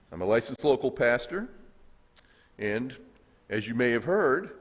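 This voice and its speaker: Lively Southern pastor in an echoey church. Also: male voice, medium pitch. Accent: Southern American. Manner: folksy, animated, jokes with the congregation. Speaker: guest pastor. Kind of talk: sermon with humor and audience call-and-response. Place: church sanctuary.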